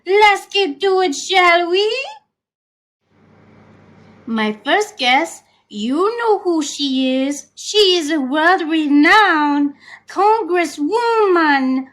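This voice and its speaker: Glamorous vintage diva talk show hostess: slow, affected purr, very high-pitched, theatrical. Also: female voice, lively intonation, a bit bright, exaggerated voice. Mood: gushing, grand. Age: over 40. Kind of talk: comedic in-character talk show hosting.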